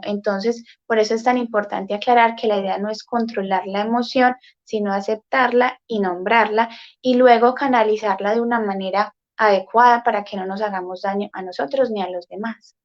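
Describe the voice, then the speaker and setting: A woman speaking as a guest therapist in an interview, explaining calmly and thoughtfully with frequent "eh" fillers. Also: mid-range voice, dull audio.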